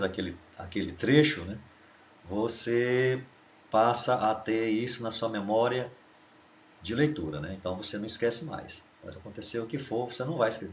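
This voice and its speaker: A middle-aged Brazilian man whose first language is Portuguese, teaching an online English lesson and explaining at length with constant "né?" and slowly spelled-out examples. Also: on the low side, highs cut off, slight background noise.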